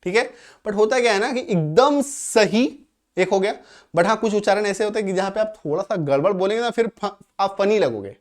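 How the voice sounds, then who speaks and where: A man from India teaching English grammar, explaining step by step, slowing down for example sentences and often checking that students follow. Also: high voice, animated. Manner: slows right down when reading out English examples. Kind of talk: grammar lesson.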